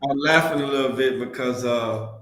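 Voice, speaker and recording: A man's voice: medium pitch, moderate pace, a bit bright, echoey room. A man telling a laughing story as a talk show guest, imitating the people in it. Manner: laughing storyteller, mimics others. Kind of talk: casual talk show chat.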